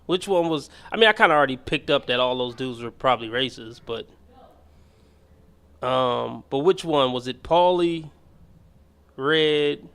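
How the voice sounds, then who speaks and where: A man's voice: mid-range voice, expressive, measured pace, pauses often, a bit bright, clear, resonant tone. A man hosting a livestream, rambling through casual, slangy chat with his audience and laughing as he goes. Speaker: livestream host. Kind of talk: casual chat reacting to chat and a clip.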